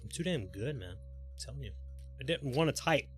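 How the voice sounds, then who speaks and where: This man's mid-range voice has lively intonation and a normal speed as he chats through a live game session, soft music playing underneath. Expect playful, profane remarks and silly vocal asides throughout.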